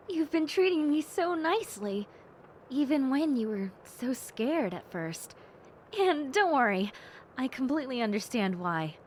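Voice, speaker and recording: Delighted and grateful, the young bat-girl hybrid of this roleplay audio drama is voiced by a woman with a high voice. Timid yet excitable, she stays polite and gushing, with hesitant little exclamations, over a slight hiss or hum.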